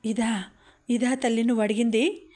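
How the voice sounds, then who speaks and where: A woman's voice: on the high side, fairly even intonation, moderate pace, dark tone, natural voice. A woman reading the lines of a grieving elderly father in a choked, pleading way.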